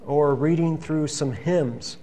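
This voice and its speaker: A man preaching a sermon, reading scripture passages in an earnest, steady teaching manner. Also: on the high side, takes it slowly.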